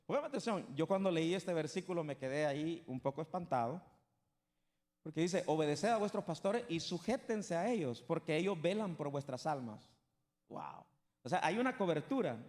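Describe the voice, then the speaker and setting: A man's voice: on the high side, lively intonation, normal speed, darkish tone. A man preaching a sermon as pastor, talking to his congregation in a conversational way with frequent asides. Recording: long hall reverb.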